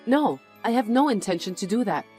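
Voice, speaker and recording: A composed single mother keeps her temper and speaks in a measured, reasonable way, as a woman voices her. Her pitch moves freely across each line in this dubbed drama. Faint music sits under her voice. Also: expressive, mellow, husky. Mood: reproachful.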